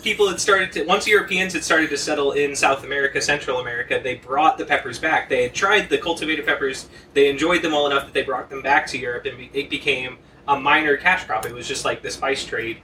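A man's voice: mid-range voice, fast talker, few pauses, sharp tone. A man hosting a casual podcast chat, explaining things with fillers and easy laughs. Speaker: podcast host. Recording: distant mic with faint noise.

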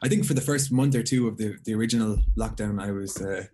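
Low-voiced young west of Ireland man. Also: fast talker, warm tone, slight background noise. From Galway, west of Ireland. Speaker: singer-songwriter, interview guest. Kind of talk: casual interview chat.

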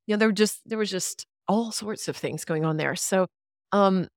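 A Central Texas woman in her fifties, long heard on the radio, guests on a podcast and tells her life story in a casual interview, reflective and chatty with easy laughs. Her voice sits at medium pitch and moves at a normal speed, recorded with studio quality and no room sound.

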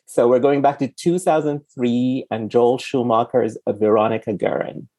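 A man from Sudan with a slightly husky voice, hosting a conversational film podcast. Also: medium pitch, steady tone, normal speed, dark tone. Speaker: podcast host.

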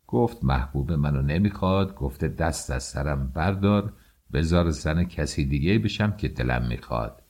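A man narrating an audiobook in an extremely deep, husky voice. He tells the story at an even, steady pace.

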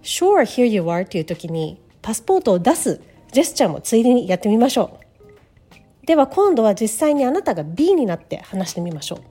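A woman's voice: medium pitch, sing-song, quick pace, mellow, husky. A woman teaching English pronunciation, patiently demonstrating each sound step by step, with faint music behind her.

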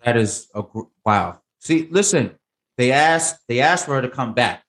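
A man hosting an interview, emphatic and enthusiastic, repeating words and lifting his pitch high when he praises. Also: lively intonation, normal speed, fairly bright tone. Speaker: show host.

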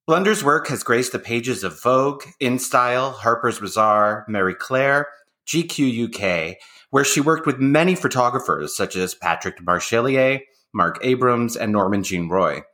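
A man's voice: mid-range voice, animated, measured pace, pushed and bright. A man hosting a podcast interview, reading a guest introduction and then chatting loosely with filler words. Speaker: podcast host, makeup artist. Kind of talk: conversational interview.

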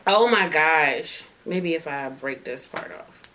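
A woman's voice: low voice, animated, takes it slowly, sharp tone, a little hiss or hum. A woman hosting a casual chat while smoking, bawdy and playful, laughing often. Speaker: podcast host.

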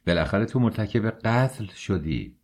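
A man voicing a gentle young woman who pleads softly with her brother. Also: lowish voice, expressive. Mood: pleading.

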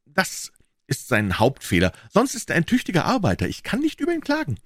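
Guy doing a jumpy high-voiced shopkeeper, all exclaiming, storybook style. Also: huge pitch swings, brisk, no echo, studio quality, full character voice. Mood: chatty. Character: excitable middle-aged male pawnbroker, plain-spoken. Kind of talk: audiobook character voice.

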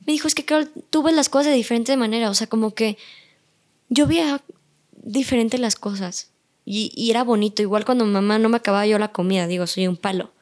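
Mexican woman guest on a podcast, kinda high voice, chatty, does the voices of people she quotes. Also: a little fast, a little mellow. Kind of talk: casual podcast chat.

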